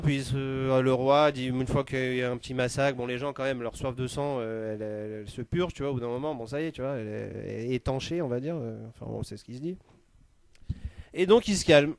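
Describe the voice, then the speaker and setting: A man's voice: medium pitch, clear, resonant tone. A man telling a story casually as a comedian, rambling loosely with many fillers. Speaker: comedian narrator.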